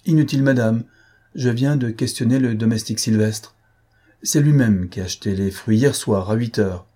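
A man's voice: medium pitch, moderate pace, warm tone, slightly rough, close to an everyday voice. A man voicing a curt, authoritative police prefect laying out evidence. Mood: stern.

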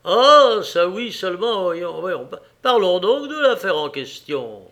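A stout, greedy middle-aged man grumbles and mutters over his wine, as a man reading the story voices him. His voice is a touch high for a man and swings about. It is a storybook reading. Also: animated, a little slow. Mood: grumbling.

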